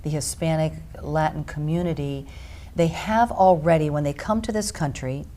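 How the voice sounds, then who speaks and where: A woman's voice: low voice, moderate pace, dark tone. A woman hosting a talk radio show, pressing her points in emphatic lists.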